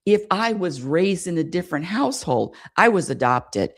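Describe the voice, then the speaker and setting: A woman from the United States, hosting a spiritual talk show on radio, talks at normal speed in a lowish, very animated voice. She repeats herself in a searching way and keeps asking listeners to agree.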